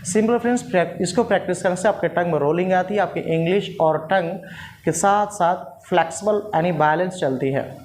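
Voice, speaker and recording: A man teaching spoken English in a patient lesson style, repeating drills slowly and calling his viewers friends, standing at a writing board. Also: sits high, darkish tone, slight background noise. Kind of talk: classroom-style language lesson.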